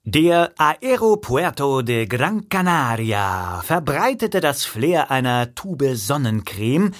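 A man narrating a comic audiobook in a wry, expressive storytelling manner. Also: medium pitch, takes it slowly.

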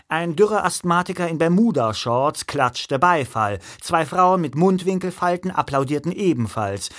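A man narrating a comic audiobook in a wry, expressive storytelling manner. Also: mid-range voice.

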